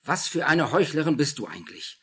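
A man voicing a pushy, excitable young woman, insistent and gushing, with a husky, gravelly voice. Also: mid-range voice, moderate pace. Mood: scolding. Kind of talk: audiobook reading.

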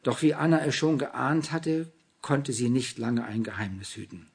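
A man narrating an audiobook in steady storytelling. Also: medium pitch, moderate pace, slightly rough.

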